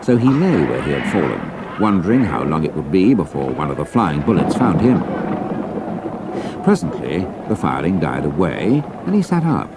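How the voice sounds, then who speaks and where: Very deep gravelly male narrator. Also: big pitch swings, very noisy. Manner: measured, dramatic storytelling. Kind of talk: scripted audiobook narration.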